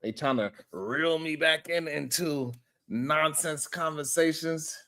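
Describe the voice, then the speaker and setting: A man's voice: on the high side, takes it slowly, bright, forceful tone. Chatty man with a raised voice. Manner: loose, rambling, chuckles often. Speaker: livestream host reading viewer chat. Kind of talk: casual livestream chat.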